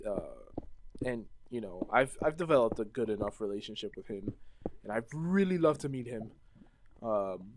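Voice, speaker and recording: A man's voice: medium pitch, a little mellow, a little hiss or hum. A young man chatting casually at home while playing a game, rambling and restarting sentences as he tells stories and answers viewer questions. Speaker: gaming vlogger.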